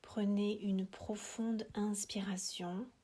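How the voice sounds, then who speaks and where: A yoga nidra guide with a medium-pitched voice leads a deep relaxation session, speaking very slowly and quietly. She uses short, measured phrases separated by pauses, with little pitch movement, and the ends often fade into a breathy near-whisper.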